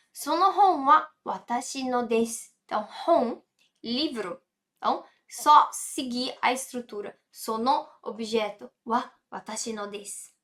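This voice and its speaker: A woman with a Brazilian Portuguese accent teaching a Japanese lesson, chatty, with many tag questions, slowly repeating phrases for drilling. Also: on the high side. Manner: frequent tag questions, animated emphasis. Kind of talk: online language lesson.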